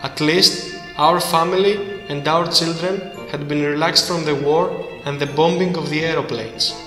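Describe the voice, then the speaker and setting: A man reads a translated documentary voice-over in a steady, scripted manner. His voice sits a little high and sounds bright and forceful. The recording echoes with a long hall reverb, and faint music plays underneath. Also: normal speed. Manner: even, scripted reading without fillers.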